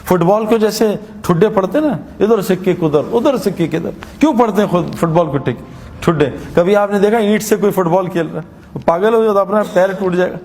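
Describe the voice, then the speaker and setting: A man's voice: high voice, darkish tone, in a large hall. A man preaching a sermon, telling stories and acting out their dialogue in an earnest manner. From Pakistan. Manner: storytelling, earnest, acts out dialogue.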